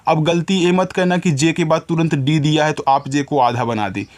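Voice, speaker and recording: A man's voice: on the high side, steady tone, normal speed. A male teacher giving a spelling lesson, sounding words out letter by letter and addressing his viewers as children.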